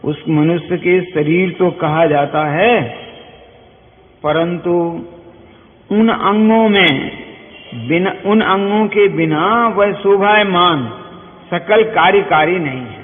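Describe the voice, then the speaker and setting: Male scripture teacher, high and slow, quizzes his listeners; lo-fi hall recording. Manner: keeps asking listeners quick questions; explains by everyday examples. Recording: tinny, echoey hall with faint hiss.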